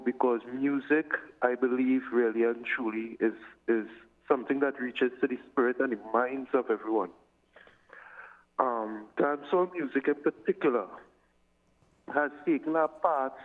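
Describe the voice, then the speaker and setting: A man calling in to a radio panel, speaking earnestly and searching for words. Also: medium pitch. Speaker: caller. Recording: tinny phone line.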